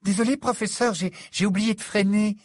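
A man's voice: high-pitched, fairly even intonation, brisk, dry recording, clean studio sound, pitched above the performer's own voice. A man voicing a bold, carefree teenage girl who speaks in a breezy, offhand way.

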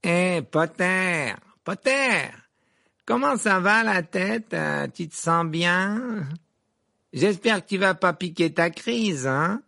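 Sneering schoolboy bully, voiced by a man, drawling slow taunts in a raised, gravelly voice. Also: high-pitched, lively intonation, sharp tone, dry recording, clean studio sound, voice pushed up, heavily acted. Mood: taunting. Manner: drawn-out mocking calls.

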